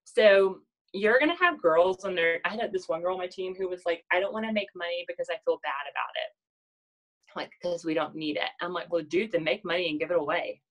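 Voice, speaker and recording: The recording is low quality, but you can hear a woman in her thirties talking a little fast in a lowish, nasal voice. She leads a network marketing team and gives her salespeople a casual motivational talk, repeatedly asking "does that make sense?"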